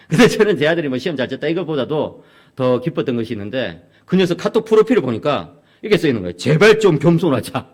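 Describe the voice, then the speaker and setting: A man's voice: mid-range voice, fast. A middle-aged man, preaching a sermon and telling stories with acted-out dialogue. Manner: animated storytelling, acts out quoted voices.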